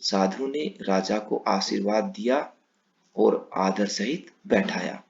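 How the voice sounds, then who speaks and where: Male teacher, slow children's read-aloud, low-pitched. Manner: warm, slow, explaining to children. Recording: dull lo-fi recording.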